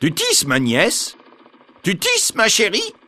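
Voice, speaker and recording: A man voicing a cruel, furious old witch in a high, shrill sing-song. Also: huge pitch swings, slow pace, bright, forceful tone, exaggerated voice. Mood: coaxing.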